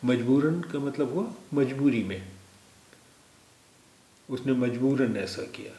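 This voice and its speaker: A male language teacher who explains vocabulary in a slow lesson style and says each word several times over. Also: mid-range voice, dark tone, roomy sound. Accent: Indian Hindustani. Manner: repeats each word slowly for the learner.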